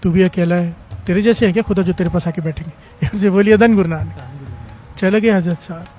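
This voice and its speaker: A man's voice: high voice, steady tone, brisk, dark tone, faint music behind. A man preaching a sermon, fervently leading the congregation in call-and-response chants. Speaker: preacher at a devotional gathering.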